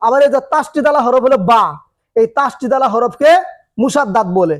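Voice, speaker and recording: A man's voice: very high-pitched, brisk. A man teaching Quran reading in a classroom, asking the students questions and answering them himself as he repeats each rule. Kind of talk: classroom lesson.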